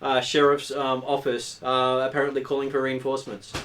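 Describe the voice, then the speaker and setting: A man narrating a tabletop game as game master, improvising descriptions in halting pieces. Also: medium pitch, completely flat delivery, a bit bright, a little hiss or hum.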